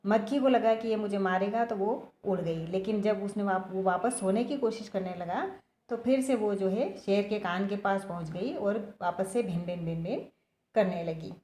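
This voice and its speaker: A woman's voice: medium pitch, normal speed, dark tone. A woman teacher reading and explaining a story to young pupils, often asking them questions. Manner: explanatory, asks the children questions. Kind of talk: children's lesson, story retelling. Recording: echoey room.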